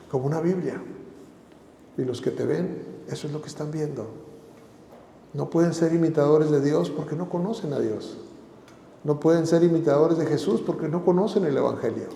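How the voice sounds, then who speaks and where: A man's voice: on the high side, vocal fry, mellow, roomy sound, in a large hall, a little hiss or hum. A man preaching a sermon as pastor, exhorting the listeners with repeated phrases and rhetorical questions.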